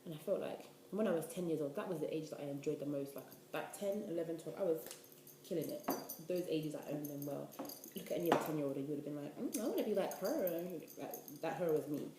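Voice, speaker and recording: A vlogger around twenty speaks in a deep voice with lively intonation and a quick pace, rambling casually to the camera and using "like" a lot. The echoey room has a noisy background.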